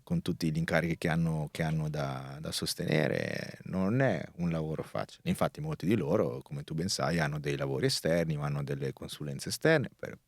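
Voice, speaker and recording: Male interview guest, deep voice, Italian with an Italian-American cadence, hesitant conversational delivery, close dry sound. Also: no room sound. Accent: Italian with an Italian-American lilt. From Varese, northern Italy. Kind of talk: casual radio interview.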